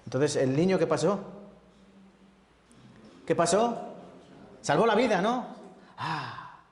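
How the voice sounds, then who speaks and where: A man's voice: fairly high pitch, animated, slow pace. A man teaching a Bible sermon as an evangelist, often asking the congregation questions and checking with tag questions. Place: church. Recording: echoey church hall.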